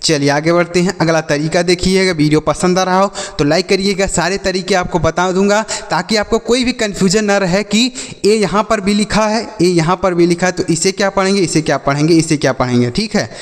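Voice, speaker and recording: A man teaching English phonics to children, spelling out words slowly and asking the class to repeat them. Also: high-pitched, big-room sound. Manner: slow, repeats words and asks the class back.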